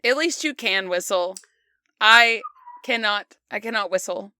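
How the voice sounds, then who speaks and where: A woman's voice: mid-range voice, unhurried, sharp tone, clear, resonant tone. A woman co-hosting a podcast with playful, casual banter. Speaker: podcast co-host.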